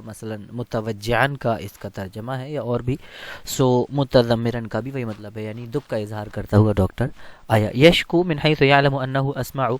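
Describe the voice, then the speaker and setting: A man's voice: mid-range voice, dry recording. A man teaching an Arabic text. He reads each line, then translates and explains it, with many hesitant fillers.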